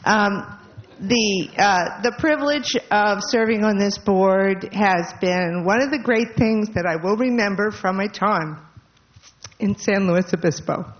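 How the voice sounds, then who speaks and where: A woman, a departing school board member, gives an emotional farewell speech at a public meeting, tearful and halting, laughing through tears. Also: medium pitch. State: tearful, voice catching. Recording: dull lo-fi meeting recording with faint noise.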